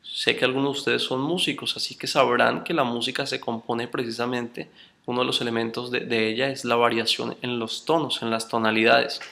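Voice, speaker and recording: Male instructor with a bright, gravelly voice, teaching patiently and calling his students brothers. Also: medium pitch, steady tone. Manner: addresses students as brothers, explains slowly with spoken examples. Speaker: course instructor. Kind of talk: recorded online lecture.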